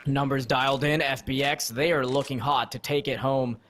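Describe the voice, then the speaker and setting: A man giving laid-back color commentary on an esports match in a mid-range voice. He sounds relaxed and laughs easily. Faint background noise sits under the mic. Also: mid-range voice, moderate pace. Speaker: esports co-caster.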